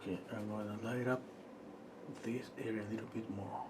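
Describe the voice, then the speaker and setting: A man from Peru teaching a live-stream painting lesson, quiet and unhurried, often trailing off into murmurs as he works. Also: lowish voice, level tone, noisy background. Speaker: painting instructor.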